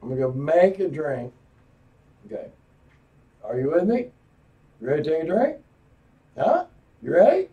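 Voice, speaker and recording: A tipsy man hosts his own podcast, rambling and cursing, with his voice swinging high and low and breaking into loud bursts. His tone is gravelly and dark, and he sits a little back from the mic. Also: big pitch swings, moderate pace, long pauses, dull audio. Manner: profane, meandering, loud outbursts. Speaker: podcast host. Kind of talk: rambling solo podcast talk. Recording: voice a bit far from the mic.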